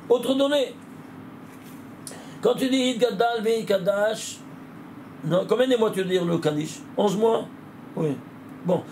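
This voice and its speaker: A man, a rabbi, giving a lively Torah lesson, keeps quizzing his audience and now and then bursts into a shout. His voice sits high for a man and has a gravelly edge. Faint noise hums behind him.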